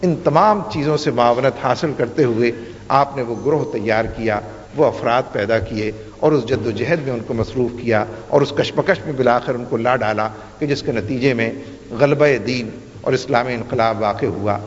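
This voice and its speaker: A male preacher delivers a rhetorical sermon, building each point through repeated phrases and weaving in Arabic recitation. His mid-pitched voice rings out in a large hall with a long reverb tail. The recording sounds dull and muffled.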